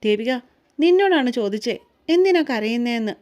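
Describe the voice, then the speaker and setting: Woman voicing a protective brooding young man, gentle insistent questions, mellow voice, storybook romance. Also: on the high side, normal speed, muffled recording, natural voice. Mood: concerned.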